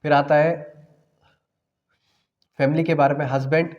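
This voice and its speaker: With a fairly high voice that barely moves in pitch, the Pakistani law lecturer keeps a measured pace. His exam-prep talk is didactic, weaving in English legal terms, repeating phrases, and answering his own questions. The high frequencies are cut off, and the hall gives a long, echoing reverb.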